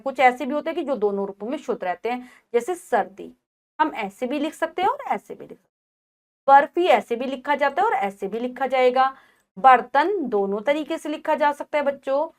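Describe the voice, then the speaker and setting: Woman, teacher, high voice, patient, slow repeated words, children's spelling lesson. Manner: says each wrong spelling then the correct one, slowly stressed; patient, repeats words and asks herself questions.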